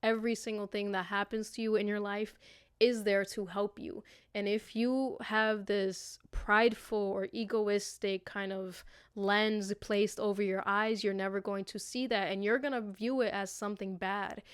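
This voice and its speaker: A woman with a mid-range, smooth voice speaks at a moderate pace in a level tone, recorded in studio quality with no echo. She hosts a casual motivational self-reflection podcast, addressing listeners directly and affectionately, using slang and swearing freely.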